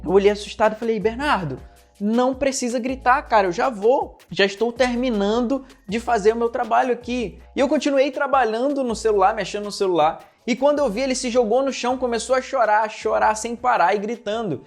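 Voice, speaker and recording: A man's voice: extremely high pitch, brisk. A man coaching in neurolinguistic programming gives an online lesson through personal stories, speaking straight to the listener and acting out the dialogue. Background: faint background music.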